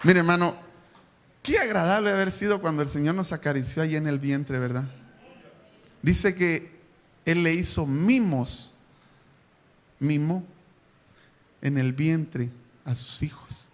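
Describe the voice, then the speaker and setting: A man preaching a sermon to his congregation, animated, asking them questions and bursting into shouts. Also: on the high side, measured pace, long pauses. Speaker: pastor. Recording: echoey church hall, live stream.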